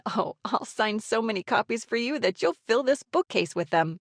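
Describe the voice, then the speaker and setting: Wry game heroine, dry close recording. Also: female voice, a little high, expressive, moderate pace, no echo. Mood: playful. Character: wry, affectionate woman novelist, game heroine. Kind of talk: scripted game story dialogue.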